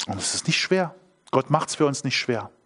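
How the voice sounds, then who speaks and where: A man's voice: mid-range voice, lively intonation, normal speed, a bit bright. A middle-aged man preaching a sermon, emphatic, repeating key phrases and asking the congregation questions.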